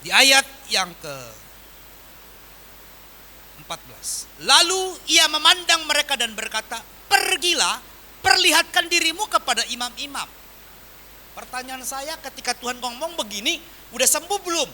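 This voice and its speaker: Animated preaching man, bright voice. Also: very high-pitched, fairly quick, slight background noise. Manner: animated preaching with wide swings in volume. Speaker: pastor. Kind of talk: sermon.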